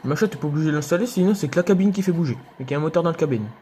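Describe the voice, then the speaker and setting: A young man giving excitable let's play commentary, yelping and laughing at enemies. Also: fairly high pitch, racing, a little hiss or hum. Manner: excitable, shouts and yelps at enemies, laughs often. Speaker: gaming youtuber.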